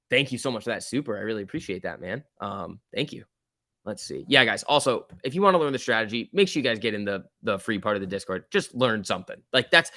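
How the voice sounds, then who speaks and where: A man's voice: mid-range voice, pushed and bright, no room sound, clean studio sound. A man hosting a live stock trading stream, chatting casually in slangy, chummy off-the-cuff commentary as he answers viewers. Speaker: stock trading livestream host.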